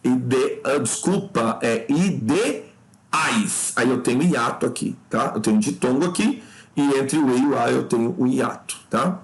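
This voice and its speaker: A man from Brazil teaching an exam review lesson, talking the listener through each answer, checking in often with quick asides and jumping higher in pitch to stress his points. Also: vocal fry. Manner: explanatory, peppered with "tá?" check-ins and addressing the listener as "cara"; lively pitch jumps when stressing points.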